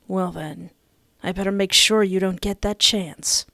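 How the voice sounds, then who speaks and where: A woman's voice: mid-range voice, steady tone, unhurried, vocal fry, background noise. A woman voicing an obsessive male stalker in a story game, pleading earnestly with menacing devotion.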